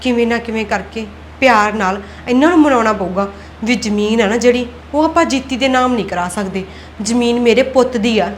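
A woman's voice: fairly high pitch, slight background noise, lightly acted. An actress playing a scheming young wife and daughter-in-law in a family drama, who argues back and plots under her breath. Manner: argumentative, self-talk plotting. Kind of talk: Punjabi web-series acting.

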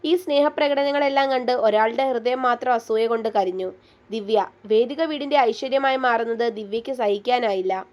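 A woman reads a story aloud in a calm, steady voice. Her pitch sits high, and she keeps an even storytelling pace. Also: normal speed. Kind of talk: scripted story narration.

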